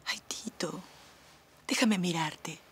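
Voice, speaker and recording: A woman's voice: mid-range voice, a little slow, a little mellow, slightly rough. An actress playing a haughty, theatrical young woman with a dramatic, easily offended manner. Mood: tender. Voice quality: dramatic, huffy. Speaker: TV series character.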